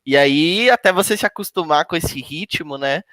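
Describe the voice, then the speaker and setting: A Brazilian man with a fairly high voice, hosting a casual interview. He explains things patiently and keeps checking in with tag questions, recorded dry and close. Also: moderate pace, bright, forceful tone, no echo. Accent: Brazilian Portuguese. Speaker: host.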